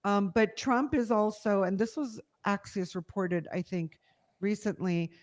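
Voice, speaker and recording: A woman's voice: medium pitch, measured pace. A woman co-hosting a casual political discussion, talking conversationally with frequent fillers. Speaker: podcast co-host.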